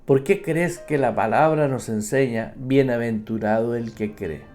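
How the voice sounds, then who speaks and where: A man's voice: medium pitch, unhurried, darkish tone, soft background music. A man preaching a radio sermon as pastor, emphatic, often speaking straight to his listeners as brother. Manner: emphatic preaching, acts out believers' complaints; addresses listeners directly as brother.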